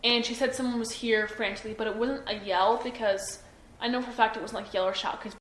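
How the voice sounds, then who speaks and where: A woman's voice: fairly high pitch, fairly even intonation, fast talker, fairly bright tone. A young woman being interviewed by police, hesitant and full of ums and self-doubt. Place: interview room. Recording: echoey room, faint noise.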